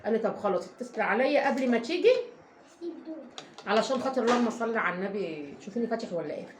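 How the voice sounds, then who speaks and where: A woman's voice: on the high side, very fast. A woman with an Egyptian accent, a mother telling a long, rambling story to her viewers in a casual vlog, emphatic and full of oaths. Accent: Egyptian Arabic. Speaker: family vlogger, mother. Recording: echoey room, faint background noise.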